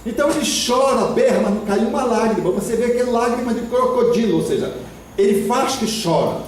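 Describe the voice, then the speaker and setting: A Brazilian man giving a spiritist lecture in a hall, expressive and acting out the voices of parents and children. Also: very high voice, fairly quick, a little hiss or hum. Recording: echoey hall from far off.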